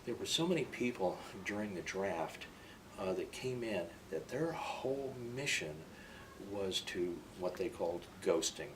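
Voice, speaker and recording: Low-voiced older veteran remembering, noisy distant recording. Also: male voice, expressive, measured pace. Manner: old veteran remembering, opinionated and emphatic. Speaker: interviewee, military veteran. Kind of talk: reminiscing in an interview. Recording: distant microphone, clearly noisy room.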